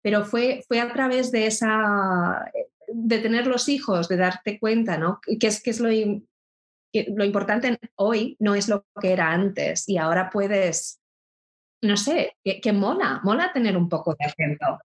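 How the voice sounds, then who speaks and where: A woman's voice: mid-range voice, a little slow. A middle-aged woman from Spain, a guest in a conversation, speaking thoughtfully with frequent restarts and rhetorical asides. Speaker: interview guest. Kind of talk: reflective conversation.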